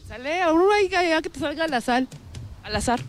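A woman with a Mexican accent speaks high, animated and a bit fast. Hosting a radio promotion, she does casual on-location interviews with football fans, playful, teasing and chatty.

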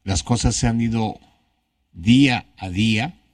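A man's voice: fairly low pitch, unhurried. A man hosting a sports radio show, bantering and arguing casually. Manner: bantering, argumentative, swears casually.

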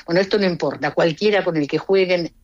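A woman's voice: lowish voice, darkish tone, no room sound, muffled recording. A middle-aged Argentine woman with an Argentine Spanish accent, talking as an interview guest from abroad, hesitant and full of restarts. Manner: hesitant, halting, many restarts.

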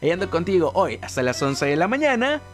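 A man's voice: sits high, big pitch swings, fast talker, soft background music. A man hosting a morning radio show with a Mexican Spanish accent, chatty and promotional. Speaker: radio host. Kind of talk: upbeat radio presenting.

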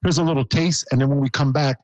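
A man's voice: mid-range voice, steady tone, quick pace, a little mellow, no room sound, poor audio. A man hosting an interview with a band, joking and teasing in an upbeat way. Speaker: host. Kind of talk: playful broadcast interview.

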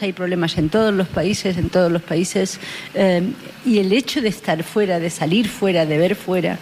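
Woman guest on a talk panel, kinda low voice, faint noise behind. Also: a little mellow. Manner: reflective, tags with "¿no?". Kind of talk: conversational discussion.

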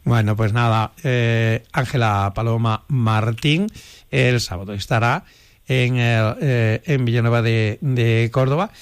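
A man from Spain hosting a local radio show, interviewing a guest and talking between segments, halting with many fillers. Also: medium pitch, clean tone. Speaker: radio host.

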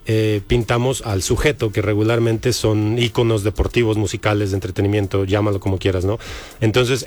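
A man from Guadalajara with a Mexican accent, an artist guest on a radio show, earnest and stumbling over words. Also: fairly low pitch. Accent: Mexican Spanish. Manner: hesitant, repeats words, earnest. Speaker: guest painter. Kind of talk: casual radio interview.

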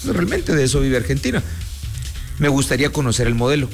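A man from Guatemala, a sports show host, telling a story in a measured, casual way with many restarts. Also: medium pitch, sing-song, vocal fry, soft background music. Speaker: sports commentator. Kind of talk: casual talk show chat.

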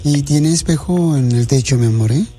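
A man's voice: medium pitch, moderate pace, dark tone, breathy edge, soft background music, pitched below the performer's own voice, close to an everyday voice. A man putting on a sultry woman caller. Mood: flirty. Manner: sultry, teasing, crude jokes. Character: flirty sexy woman caller, brash and crude.

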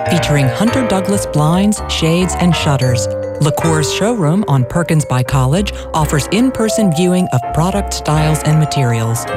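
A female radio announcer with a low voice reads scripted sponsor credits. Loud music runs behind her.

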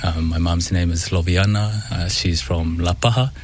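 A man with a New Zealand accent, a dentist speaking as a guest in a radio studio interview, thoughtful and halting with many pauses. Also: sits low, fairly even intonation, a little hiss or hum.

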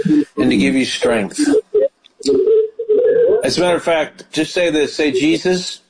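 Speaking a little slowly in a voice on the high side with a breathy edge, a pastor talks with callers on his call-in prayer show. His prayers are fervent and packed with hallelujahs. It's a rough recording.

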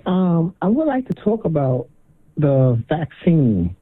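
A woman's voice: low voice, sing-song, slow pace, husky. A woman calling into a radio show, rambling and defensive about her point. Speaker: radio caller. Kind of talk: phone call-in. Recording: tinny phone line.

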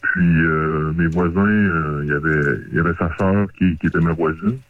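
A man calling in, his voice disguised and pitched down by a voice changer, talking in a hesitant, halting way full of fillers. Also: dry recording. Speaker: caller. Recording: phone line.

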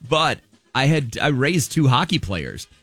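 Animated fifty-something male radio host. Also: mid-range voice, a little slow, no room sound. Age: 50s. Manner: chatty, laughs easily, self-deprecating. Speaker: radio morning show co-host. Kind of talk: casual radio banter. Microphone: studio microphone.

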